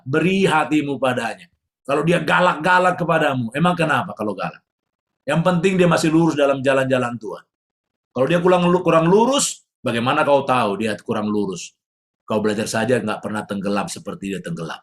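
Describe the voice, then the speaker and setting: A man's voice: a little high, a bit bright. A man preaching a sermon as pastor, emotive, posing questions and answering them himself.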